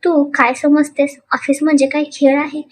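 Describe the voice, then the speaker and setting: A woman's voice: sits high, flat delivery, moderate pace, a little hiss or hum, lightly acted. A woman reading an angry arrogant young husband. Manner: sharp, scornful, shouting.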